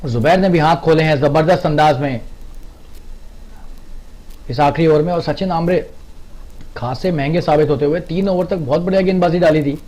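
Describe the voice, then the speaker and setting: A man giving live cricket match commentary, excitable and drawing out his exclamations on big shots. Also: on the high side, normal speed, pauses often, low-quality recording.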